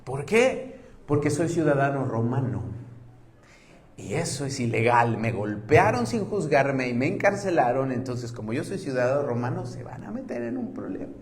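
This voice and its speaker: A self-assured male apostle in a jail cell, put on by a pastor states his complaint calmly and firmly. The voice stays in a lowered register within an acted retelling in a sermon. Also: moderate pace, natural voice. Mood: insistent.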